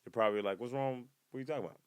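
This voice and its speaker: Talking very fast yet smoothly, a man in his twenties performs a casual comic podcast monologue on a dry recording. Whenever he acts out someone else, his voice jumps into loud, high-pitched outbursts.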